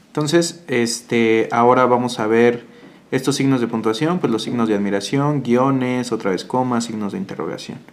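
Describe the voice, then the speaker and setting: A man who tutors exam prep, patiently walking through answers with tag questions and filler pauses. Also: mid-range voice. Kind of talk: exam answer walkthrough lesson.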